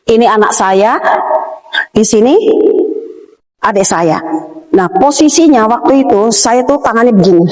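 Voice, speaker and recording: A middle-aged woman from Banten recounts a personal testimony in a higher-than-usual voice. She tells it with emotion and often pauses to hesitate. The sound is roomy, with a long reverb tail. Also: a little mellow. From Banten, Indonesia. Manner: emotional, vivid retelling with frequent hesitations. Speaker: person giving a religious testimony. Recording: echoey room with long reverb.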